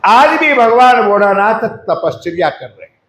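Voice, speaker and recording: A man delivers a devotional sermon in a high voice. He asks his listeners questions directly and slows down to chant mantras. The sound rings around an echoey hall. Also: expressive, fairly bright tone. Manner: addresses the audience directly with questions. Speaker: preacher. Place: ashram hall.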